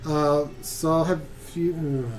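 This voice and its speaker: A man's voice: on the high side, steady tone, slow pace, darkish tone, soft background music. A man narrating as game master of a tabletop game, chatty and laughing often, with many restarts.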